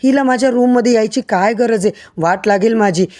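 A woman's voice: fairly high pitch, fairly quick, dark tone, lightly acted. A woman narrator voicing a scheming, frightened woman who mutters frantically to herself. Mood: panicked. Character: scheming scared woman hiding in bed.

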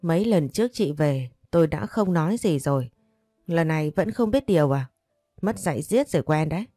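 A woman's voice: deep voice, animated, normal speed, dark tone, no echo, studio quality, faint music behind. Woman voicing a spiteful scolding elder wife. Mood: sneering. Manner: scolding, sneering.

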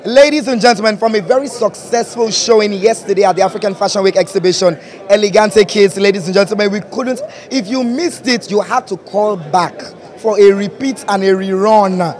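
A Nigerian man with a high voice gushes through red carpet chatter. He is theatrical and effusive as host, stacking compliment upon compliment into a handheld mic. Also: brisk. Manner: effusive, theatrical, piling up flattering adjectives. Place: indoor red carpet at a fashion event, before a sponsor backdrop. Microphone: handheld microphone.

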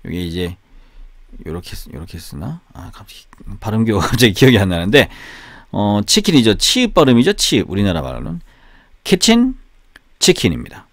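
In a fairly low, sing-song voice with no room sound, a man whose first language is Korean coaches English pronunciation. He repeats every word slowly and drills it out loud.

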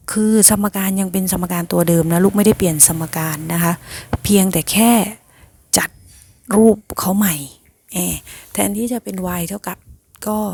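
A woman's voice: on the low side, vocal fry, darkish tone, husky. A woman teacher patiently explaining a math lesson to her students, often calling them "child" affectionately.

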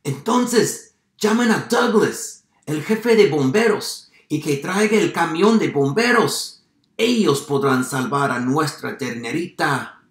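Guy reading aloud doing a panicked farmer, shouting high, echoey room. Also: animated, slow. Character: frantic male farmer shouting for help. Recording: roomy echo.

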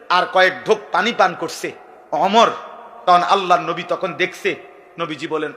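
A man preaching an impassioned sermon to a gathering, repeating phrases and rising to shouts. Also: high-pitched. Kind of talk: fiery sermon at a religious gathering.

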